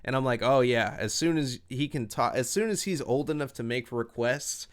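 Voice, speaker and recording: A man's voice: medium pitch, moderate pace, dry recording. A young adult man chatting casually as a podcast guest, laid-back and laughing easily.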